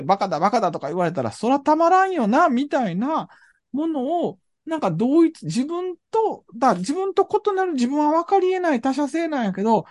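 A man's voice: high-pitched, a little mellow, no echo, studio quality. Musing man with a Kansai accent. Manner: thoughtful, searching for words. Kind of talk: reflective discussion.

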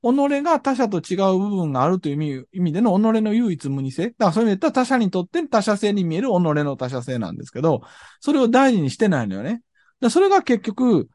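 A man's voice: high-pitched, big pitch swings, fast talker, darkish tone, no echo. A man with a Kansai accent hosting a reflective discussion, thinking aloud and often searching for his words.

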